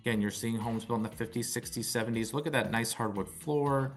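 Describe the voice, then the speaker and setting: A man's voice: mid-range voice, fairly quick, soft background music. A man hosting a real estate video in an informal top ten countdown style, often repeating key phrases.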